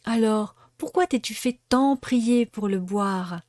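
A woman voicing a patient, motherly fairy in a storybook reading, gentle and coaxing. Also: fairly high pitch, slow, no echo, studio quality.

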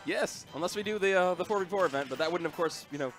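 A man's voice: high voice, quick pace, soft background music. A young man commentating a gaming tournament on a headset and promoting upcoming events, upbeat and rambling, with many fillers. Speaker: esports commentator and event organizer. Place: small game center room with shelves.

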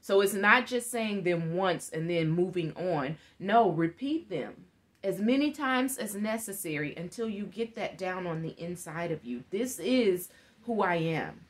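This woman in her thirties speaks a little slowly in a low-leaning, animated voice. Appearing as a guest on a live video call from her living room, picked up by her webcam, she gives an earnest motivational talk. She gestures as she talks and laughs a lot.

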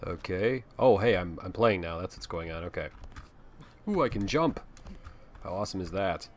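Young male gaming host, deep voice, profane and wisecracking, casual play-along commentary. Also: lively intonation, moderate pace, slight background noise. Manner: joking, profane, offhand.

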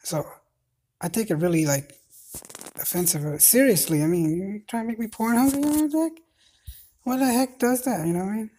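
A man in his thirties from Cambodia, rambling to a phone camera with many pauses and fillers while lying on a bed in a dim bedroom. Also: high voice, expressive, warm tone. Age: 30s. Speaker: vlogger. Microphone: phone held at arm's length.

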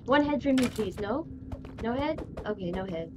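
High, bouncy woman gamer. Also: animated, moderate pace, a crowd in the background. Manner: goofy, theatrical begging. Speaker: streamer player. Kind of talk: casual gaming chat. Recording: noisy voice-chat mic.

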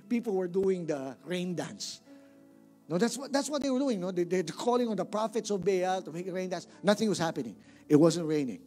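A man's voice: high voice, expressive, moderate pace, dark tone, soft background music. A male pastor with a Filipino accent preaching a sermon in a church, emphatic, repeating words and calling on the congregation to answer back.

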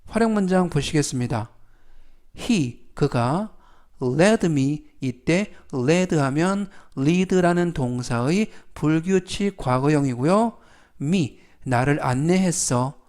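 Brief: male language teacher, slightly raised pitch, unhurried and formal, repeats each word. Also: lively intonation, darkish tone. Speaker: English vocabulary teacher. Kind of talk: slow, scripted vocabulary lesson.

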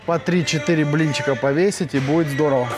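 A man's voice: on the high side, fairly even intonation, quick pace. A man in his thirties giving an enthusiastic, chatty walking tour of a large indoor gym, with frequent hesitant fillers as he shows the equipment. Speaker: fitness vlogger. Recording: music playing under the voice. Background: background music.

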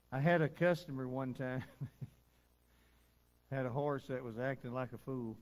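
A man's voice: mid-range voice, slow. A middle-aged man, preaching in a down-home, conversational way during a church service, telling stories with little chuckles. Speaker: pastor. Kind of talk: folksy sermon storytelling.

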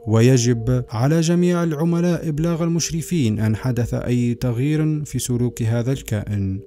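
A man's voice: medium pitch, warm tone. A man hosting and narrating scripted creepy stories. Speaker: channel host and narrator.

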